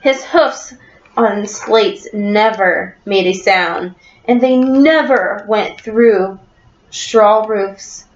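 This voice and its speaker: A woman teacher reading a story aloud in class and encouraging a student with quick questions, recorded on a computer webcam in a classroom. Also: mid-range voice. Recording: echoey room, dull lo-fi sound.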